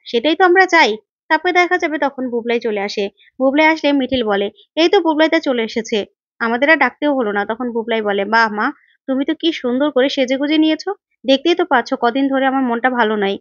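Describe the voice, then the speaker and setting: A woman recapping a TV serial episode, telling the story and reading out the characters' lines in a lively way. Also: high-pitched, no echo, dull audio. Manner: lively, switching between narration and quoted lines. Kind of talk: storytelling recap with read-out dialogue.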